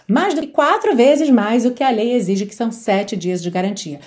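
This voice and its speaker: A woman teaching English pronunciation, singing lyric lines slowly and repeating single words in a drawn-out way. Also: a little high, dark tone. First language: Portuguese.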